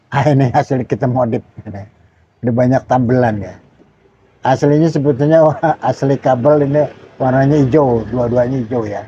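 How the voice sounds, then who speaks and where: An older retired man, the channel's host, slowly showing his old microphones in a rambling, casual way with many fillers. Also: mid-range voice, mellow, husky, dry recording. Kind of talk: casual show-and-tell about microphones. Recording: dull lo-fi dry sound.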